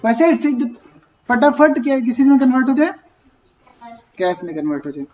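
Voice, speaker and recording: A man's voice: very high-pitched, very animated, moderate pace, mellow, lo-fi sound, a little hiss or hum. A man teaching an accounting class, talking casually and asking and answering his own questions. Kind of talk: classroom lecture.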